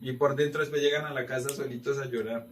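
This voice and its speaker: A man's voice: mid-range voice, steady tone, fast, roomy sound, far from the mic, a little hiss or hum. A man teaching scripture to a small congregation, often asking the listeners if they follow. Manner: asks the room for agreement often. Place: church meeting room.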